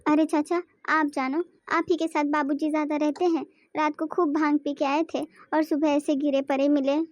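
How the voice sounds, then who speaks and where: A woman voicing a young, scheming daughter-in-law in a cartoon, bossy and quick-witted. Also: high-pitched, level tone, no echo, clean studio sound, natural voice. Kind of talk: cartoon voice acting.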